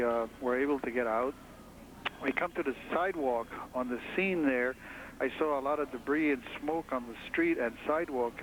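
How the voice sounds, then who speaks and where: A man's voice: medium pitch, slight background noise, poor audio. Shaken man recounting what he saw. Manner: halting, shaken, many restarts. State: shaky. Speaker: eyewitness interviewed on the street.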